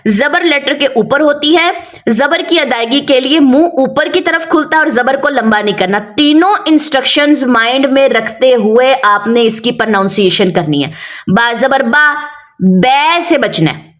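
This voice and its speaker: A woman with a Pakistani Urdu accent, teaching a Quran reading lesson and patiently drilling syllables, slowly and with repetition. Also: high voice, animated, a bit bright. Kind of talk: step-by-step recitation lesson.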